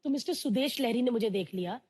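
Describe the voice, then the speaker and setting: A woman guest telling a candid, emotional personal story in a lively way, often acting out what others said to her. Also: on the high side, quick pace, breathy edge, no room sound. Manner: candid, animated, acts out quoted voices.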